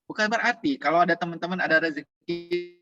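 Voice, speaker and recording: A man's voice: high voice, fast talker, pushed and bright. A man talking casually as a guest over a remote video call, his voice breaking up and turning robotic over a bad connection. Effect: breaking-up online call connection, robotic glitches. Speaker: guest on an online talk show. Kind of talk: casual online chat. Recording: dull lo-fi call audio.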